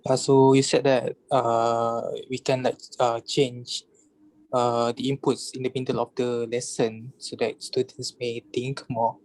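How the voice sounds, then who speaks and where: A young male student asks a question over a video call. He speaks at a flat, level pitch and keeps stopping to reach for words with fillers. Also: low-quality recording. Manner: halting, many fillers and "like". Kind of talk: asking a question in class.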